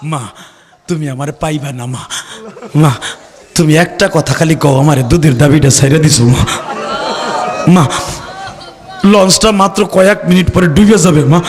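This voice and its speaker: A man's voice: sits high, steady tone, fast, few pauses, natural voice. Doomed young son, pleading and desperate, put on by a male preacher, heavy reverb. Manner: pleading, repeating "mother". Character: young man on a sinking ferry, begging his mother.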